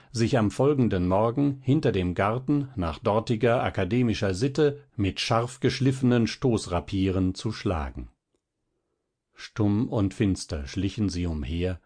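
Low-pitched male narrator for a dramatic classic audiobook. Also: a little mellow. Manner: measured, dramatic storytelling. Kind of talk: audiobook reading of classic fiction.

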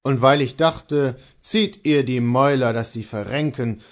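A man's voice: mid-range voice, unhurried, close to an everyday voice. A man reading a plain aggrieved stable servant.

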